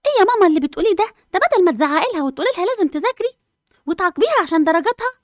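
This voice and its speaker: A woman's voice: extremely high pitch, expressive, very fast, no room sound, studio quality. A woman voicing a sensible, studious schoolgirl twin with an Egyptian accent, lecturing her sister. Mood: indignant. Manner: indignant, lecturing.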